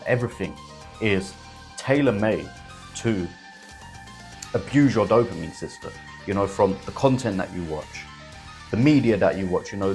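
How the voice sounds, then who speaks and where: A young man, giving a blunt motivational monologue full of swearing and "bro". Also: lowish voice. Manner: blunt, swears a lot, says "bro" and "right?". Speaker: self-improvement vlogger.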